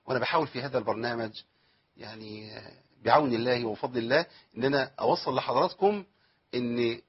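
A man's voice: medium pitch, husky, dull audio. A man with an Egyptian accent teaching Quran recitation rules, asking questions and answering them himself, and stretching out the recited verses. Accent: Egyptian Arabic. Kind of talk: tajweed lesson with recited examples.

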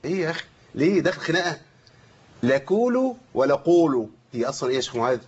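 A man with an Egyptian Arabic accent teaching Quran recitation rules. He chants verses slowly to demonstrate them and quizzes his students as he goes. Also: mid-range voice, slightly rough. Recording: dull lo-fi recording.

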